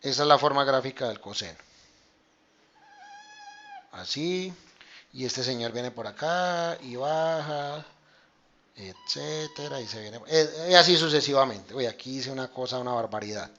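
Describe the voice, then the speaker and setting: A man's voice: medium pitch, lively intonation, measured pace, pauses often, a bit bright, highs cut off, slight background noise. A man teaching a math class online, explaining step by step in a casual way and often checking in with his students. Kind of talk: online class lecture with screen demonstration.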